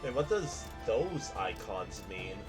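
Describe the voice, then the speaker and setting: Slow-paced male streamer over loud game music. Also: fairly low pitch, very animated. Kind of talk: casual live gameplay commentary to chat. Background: video game music.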